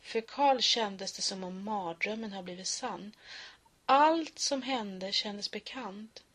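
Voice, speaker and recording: A woman reading poems and a short story aloud in a soft, husky voice that often drops to a whisper. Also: mid-range voice.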